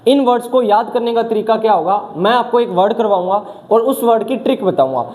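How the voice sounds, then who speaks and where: A male teacher leading a vocabulary class, asking quick questions and answering them himself, with English words mixed in. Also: high-pitched, a little mellow. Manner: mixes English words into his talk.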